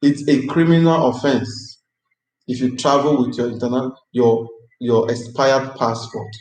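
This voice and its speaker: A man's voice: medium pitch, steady tone, measured pace, a little mellow. Upbeat man hosting a live chat, roomy echo. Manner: repeats phrases, chatty and upbeat.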